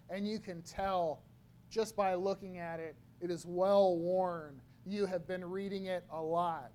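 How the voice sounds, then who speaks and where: A man preaching a sermon, slow and halting, often repeating his words as he goes. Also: high voice, a little mellow, slight background noise. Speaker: pastor.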